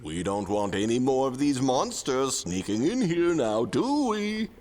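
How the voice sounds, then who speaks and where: A man's voice: mid-range voice, sing-song, a little slow, a little mellow. A merry old santa, fatherly and reassuring, really swoopy voice, big echo on it. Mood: jolly. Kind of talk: scripted audio drama acting. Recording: long reverberant hall sound.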